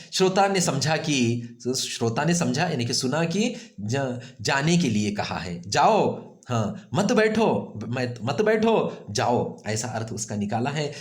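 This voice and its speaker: Man, teacher, medium pitch, grammar lesson, rhetorical questions, repeats phrases, jumps up in pitch on quotes. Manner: asks rhetorical questions and answers them himself; repeats key phrases, acting out quotes with sharply raised pitch. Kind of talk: explaining a Hindi grammar lesson.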